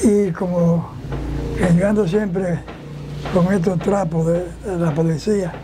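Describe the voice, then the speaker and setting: A very old man, in his nineties, speaks with a Dominican accent. He reminisces haltingly in an interview, circling back over phrases. He wears a lapel mic outdoors, with clearly audible street noise around him. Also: high voice, fairly even intonation. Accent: Dominican Spanish. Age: 90s. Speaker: interview guest, elderly witness recalling the past. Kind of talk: casual interview recollection. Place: outdoors against a house wall.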